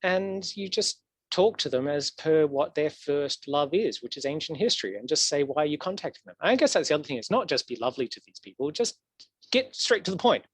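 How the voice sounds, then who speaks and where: A man talking as a podcast guest in casual interview chat, animated and laughing often, his voice swooping up for emphasis. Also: fairly high pitch, brisk, breathy edge, dry recording. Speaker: podcast guest, historical archivist.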